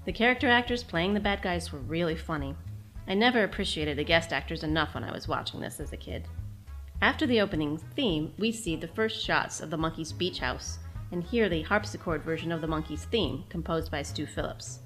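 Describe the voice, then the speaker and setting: Woman reading a TV recap, low voice. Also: lively intonation, brisk, a bit bright, faint music behind. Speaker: podcast host reading her episode recap. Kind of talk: scripted reading.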